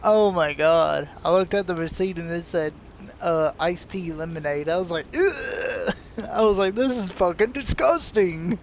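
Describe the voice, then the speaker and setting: A young male streamer chatting casually and rambling, swearing freely and laughing at his own mishaps. His voice sits a bit high, with faint noise in the room behind him. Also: moderate pace. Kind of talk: casual live-stream chat.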